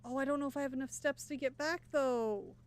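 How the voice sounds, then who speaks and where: A woman's voice: sits high, fairly even intonation, fairly quick. A woman streaming a live game, talking through her choices in a chatty, wry way. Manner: thinks aloud, chatty and wry. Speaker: let's play streamer. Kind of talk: live gameplay commentary.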